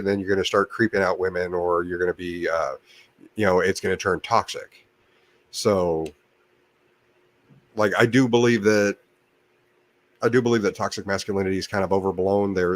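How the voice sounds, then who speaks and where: A man hosting his own channel, talking casually on a livestream in a rambling way with many restarts and fillers. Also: sits low. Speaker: channel host. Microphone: desk mic by a computer monitor.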